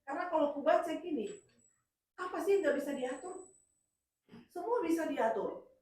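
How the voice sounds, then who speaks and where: A middle-aged woman sharing stories at a group training session, telling them in an animated way, with sudden jumps in pitch and loudness. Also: moderate pace. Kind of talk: casual speech at a group session. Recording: echoey room from far off.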